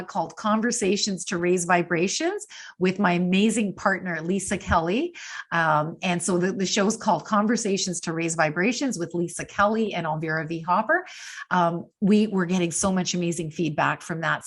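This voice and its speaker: A middle-aged woman guest in a casual interview, talking in an effusive, upbeat way with lots of fillers. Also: fairly low pitch. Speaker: podcast guest.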